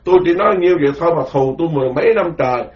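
Monk rambling thru a sermon, kinda high voice, muffled lo-fi sound. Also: male voice, racing. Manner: rambling, animated storytelling with quoted voices. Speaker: Buddhist monk giving a dharma talk. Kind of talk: informal spoken sermon. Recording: dull lo-fi recording.

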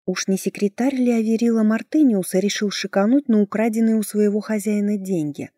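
A woman reading a fantasy audiobook in the first person, lively and expressive. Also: medium pitch, a little fast, dry recording, clean studio sound. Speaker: audiobook narrator.

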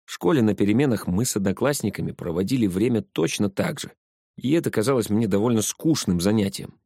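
Husky low-voiced male audiobook narrator. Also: animated, brisk, warm tone, no room sound, clean studio sound. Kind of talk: scripted first-person narration.

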